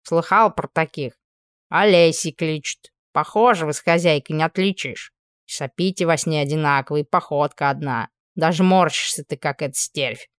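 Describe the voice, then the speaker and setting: A woman voicing a grumpy, tiny, fur-covered old male house spirit who talks in a creaky, scolding way. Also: low voice, normal speed, no echo, studio quality, lightly acted.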